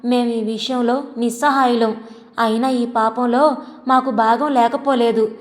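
A woman's voice: on the high side, steady tone, unhurried, close to an everyday voice. A woman voicing an elderly man, a grieving father who speaks in a pleading, heavy-hearted way. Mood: remorseful. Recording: long reverb.

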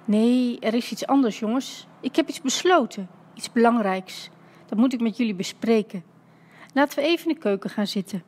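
A woman's voice: on the high side, normal speed, a little mellow, lightly acted. Woman doing Klaas, an easygoing painter dad. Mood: serious. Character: easygoing painter dad, joking, a bit serious.

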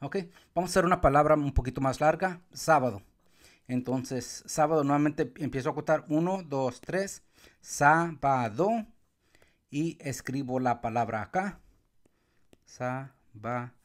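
A man teaching Spanish accent rules step by step, sometimes calling out words loudly to show where the stress falls. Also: medium pitch. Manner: calls out words loudly to show the stressed syllable, counts syllables slowly. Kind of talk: explaining accent marks step by step.

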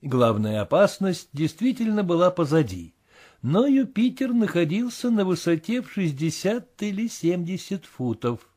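A male audiobook narrator reads classic prose in an expressive, storytelling way. His voice sits fairly high for a man and moves through a very lively melody. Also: normal speed, slightly rough. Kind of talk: scripted literary narration.

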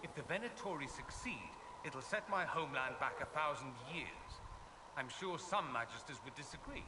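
A proud, wry male mage from a video game, all witty flourishes and theatrical charm, as a man acts him out. His lively voice rises and falls, sitting a touch high. The game audio sounds distant and is buried in loud noise. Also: moderate pace, close to an everyday voice.

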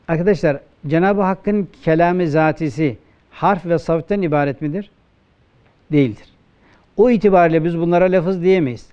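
A man's voice: a little high, clear, resonant tone, highs cut off. Turkish man teaching, asking and answering himself. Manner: asks questions and answers them himself, slow emphatic quoting. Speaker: religious teacher. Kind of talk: classroom lecture on Arabic grammar.

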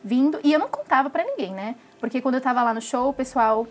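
A young woman with a Brazilian Portuguese accent speaks in a high, bright voice. She gives an earnest, emotional testimony in an interview, talking in a plain conversational way and often tagging her sentences with questions. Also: lively intonation, fast. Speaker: former samba dancer giving testimony.

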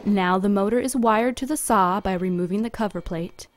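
A woman with a mid-range voice reads a scripted instructional narration for a company video, keeping it even and methodical. The voice-over was recorded apart from the workshop being shown.

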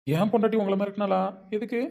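A woman's voice: medium pitch, fairly even intonation, fast talker, gravelly, narrow, tinny audio, lightly acted. A woman voicing an earnest, curious young village man in a cartoon, eager and questioning. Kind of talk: cartoon voice acting.

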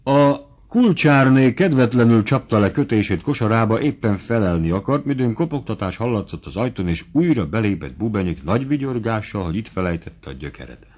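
A man narrating a classic novel as an audiobook, in a measured, expressive reading. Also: lowish voice. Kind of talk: scripted literary narration.

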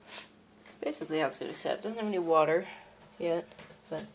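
A woman's voice: deep voice, fast. A young woman chatting casually and teasingly while filming a vlog, often giggling. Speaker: vlogger. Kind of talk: casual chat. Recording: noisy handheld camera audio.

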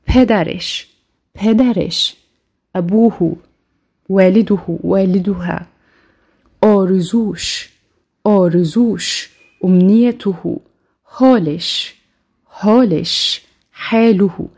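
A woman with an Egyptian Arabic accent giving a recorded language lesson, saying each word twice, slowly, for practice. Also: mid-range voice, darkish tone, husky. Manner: slow, repeats each word twice for drill. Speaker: language teacher.

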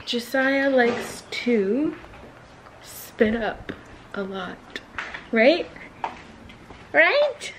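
High-voiced young mom vlogging at home. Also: female voice, expressive, very slow, long pauses, slight background noise. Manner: chatty, coos in a high baby-talk voice to her son. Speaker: vlogger, first-time mother. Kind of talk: casual home vlog. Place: at home, in pajamas.

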